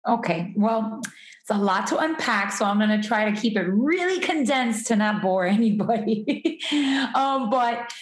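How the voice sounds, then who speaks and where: An artist and entrepreneur from Miami, USA, appears as a guest in a casual interview, talking about her life with frequent ums, restarts and easy laughter. Her voice is on the high side and expressive, at a measured pace, and the recording sounds roomy and echoey.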